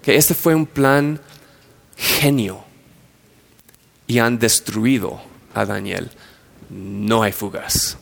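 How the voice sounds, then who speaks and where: Preacher telling a story. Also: male voice, on the low side, fairly even intonation, very slow, vocal fry, long pauses, a bit bright. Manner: storytelling, playful asides, acts out scenes. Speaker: pastor. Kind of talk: sermon.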